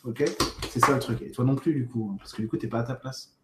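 Man, relaxed livestream coach; loose, direct, lots of fillers; roomy echoing home room. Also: medium pitch, quick pace, very noisy. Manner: spontaneous, thinks aloud with many fillers and restarts; direct, addresses the viewer as tu. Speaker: spiritual coach answering viewer questions. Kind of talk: casual livestream Q&A. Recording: roomy echo.

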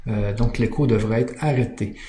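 Male host on a video call, relaxed tech helper, echoey room sound. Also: lowish voice, moderate pace, a little hiss or hum. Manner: helpful, talking through tech steps. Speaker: host of the live stream. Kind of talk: casual chat, live stream. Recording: roomy echo on a call.

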